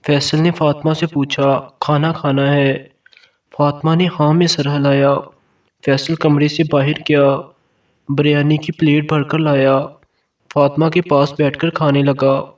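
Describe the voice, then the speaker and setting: A man narrating a scripted moral story in a steady, even storytelling voice. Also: on the high side. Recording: dull, distant mic sound.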